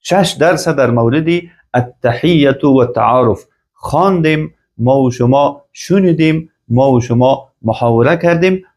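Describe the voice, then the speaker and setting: A man teaching Arabic vocabulary, slowly repeating each word twice for his students. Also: mid-range voice, darkish tone. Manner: slow and repetitive, saying each word twice. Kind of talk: classroom lesson explaining vocabulary.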